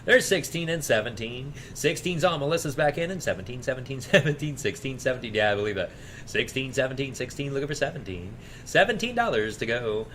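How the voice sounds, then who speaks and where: A man's voice: medium pitch, expressive, a little fast, fairly bright tone, slight background noise. Male auctioneer chanting bids, informal. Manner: informal, chatty. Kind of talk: auctioneer's rapid, repetitive bid chant with casual asides.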